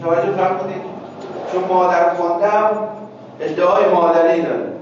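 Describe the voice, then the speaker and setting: High-voiced man lecturing in an echoey room. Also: steady tone, noisy background. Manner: prompts students to finish his sentences; explains word meanings step by step with checking questions. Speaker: teacher. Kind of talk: classroom lecture. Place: classroom. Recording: echoey distant dull lo-fi classroom recording.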